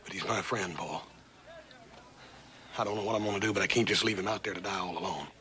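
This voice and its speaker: Gentle american rancher, halting folksy talk, low but bright voice, hissy old tv western sound. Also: male voice. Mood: troubled, earnest. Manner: halting, folksy, plain-spoken. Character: big-hearted, loyal rancher, gentle and troubled. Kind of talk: 1960s television western acting.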